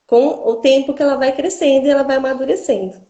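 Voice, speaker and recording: A woman's voice: high voice, fairly even intonation, quick pace, dark tone, echoey room, dull audio. A woman speech therapist with a Brazilian accent explains things in a didactic way in an interview and often ends her phrases with "né?". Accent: Brazilian Portuguese.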